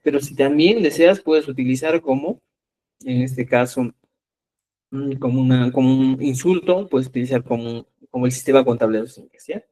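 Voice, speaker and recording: A man's voice: mid-range voice, moderate pace. A man, teaching a live online language class and often checking in with "¿ya?". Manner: lively, repeats "¿ya?" to check understanding. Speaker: Quechua teacher.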